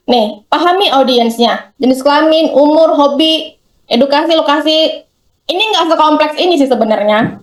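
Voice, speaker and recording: A chatty, high-voiced woman teacher gives a classroom talk on content creation as a workshop speaker in a school hall. She acts out quick examples in different voices, and the room sounds echoey.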